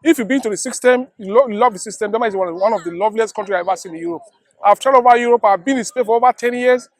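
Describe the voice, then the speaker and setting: A middle-aged man with a Nigerian accent speaks at a very rapid clip in a high-pitched voice. He is emphatic and repeats himself as he gives casual interview answers. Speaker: interviewee, delivery worker.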